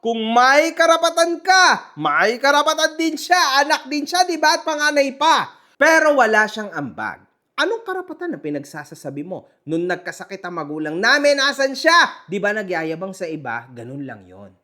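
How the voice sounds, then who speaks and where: A man hosting a gossip commentary vlog, mocking and animated, swearing and calling out to his viewers. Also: very high voice, moderate pace. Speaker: online commentary host.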